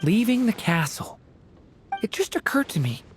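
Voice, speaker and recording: A performer voicing a gentle, uncertain boyish young man in a video game, speaking hesitantly and thoughtfully. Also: medium pitch, big pitch swings, normal speed, background noise, natural voice. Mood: thoughtful, hopeful. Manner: hesitant, soft-spoken, thoughtful. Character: Durin, gentle, uncertain boyish young male dragon in human form. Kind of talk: earnest game voice acting.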